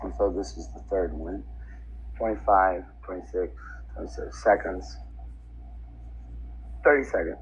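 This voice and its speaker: Very deep, slow man dictating into a recorder. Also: vocal fry. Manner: halting, repetitive, counting aloud. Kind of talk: spoken dictaphone log, announcing dates and times. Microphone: tablet voice recorder. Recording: dull, noisy handheld voice-recorder sound.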